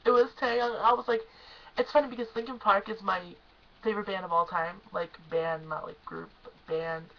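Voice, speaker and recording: A young woman excitedly recapping a concert she went to, gushing and emotional, at times choked up. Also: mid-range voice, normal speed, muffled recording. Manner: gushing, emotional, lots of "like" and "oh my gosh". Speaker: concert fan vlogger.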